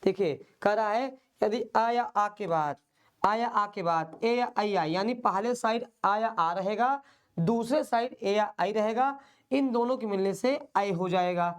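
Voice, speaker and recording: A man's voice: high voice, unhurried, clear, resonant tone. A male teacher giving an online exam-prep lecture, patiently explaining and drilling by repeating questions and answers.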